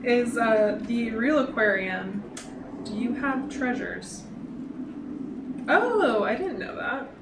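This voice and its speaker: Playful woman host, slightly high voice. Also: slow pace, long pauses. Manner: playful, giggly, slips into a pirate voice. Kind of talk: casual chat while touring a game world. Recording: echoey room with steady noise.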